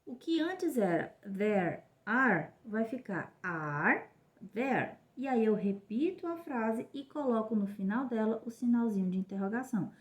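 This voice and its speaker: A woman with a Brazilian Portuguese accent, an English teacher giving a recorded lesson to children, who explains slowly and clearly and switches between Portuguese and English. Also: fairly high pitch, expressive.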